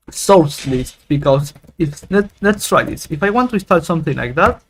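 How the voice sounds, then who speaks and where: In this laid-back screen-recorded tutorial, a playful male tech YouTuber with a slightly high voice rambles on and fills the waiting moments by humming and singing little tunes.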